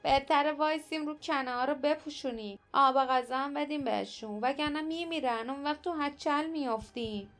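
Woman doing a bossy, grumbling male jailer for a storybook, pushed up in pitch. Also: hardly any pauses, a bit bright, soft background music. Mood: irritated. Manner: snapping, bossy. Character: gruff grumbling male prison guard.

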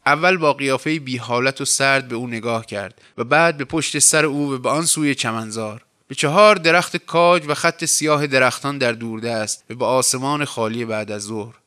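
Man, audiobook narration, measured literary reading, bright forceful tone. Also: medium pitch, smooth.

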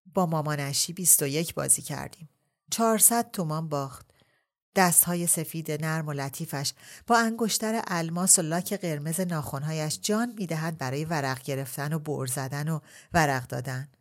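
A woman reading the part of a crude, flirtatious middle-aged male official in a teasing manner. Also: deep voice.

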